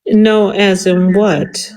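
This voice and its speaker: A woman's voice: medium pitch, flat delivery, extremely slow, a little mellow, poor audio. Flirty woman chatting on a panel, teasing, nosy questions, casual talk. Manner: teasing, inquisitive.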